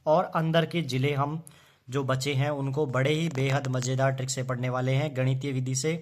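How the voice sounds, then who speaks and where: A man's voice: medium pitch, flat delivery, moderate pace. A man teaching an exam-prep memory trick, chanting lists of names in rhythm and quizzing the listener. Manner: coaxing, quizzing the viewer.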